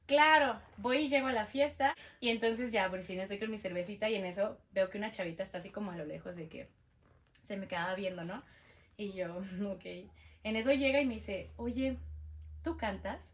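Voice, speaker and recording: A young Mexican woman with a Mexican accent speaks fairly quickly in a mid-range voice. As a guest sharing her testimony in a casual interview, she tells a personal story with energy, acting out what people said to her.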